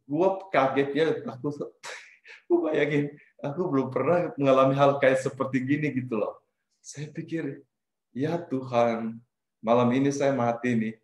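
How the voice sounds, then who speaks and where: A middle-aged man from Indonesia telling a personal life story in an animated, casual way, slipping in English phrases. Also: mid-range voice. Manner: animated, mixes in English phrases, trails off and restarts. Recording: roomy echo.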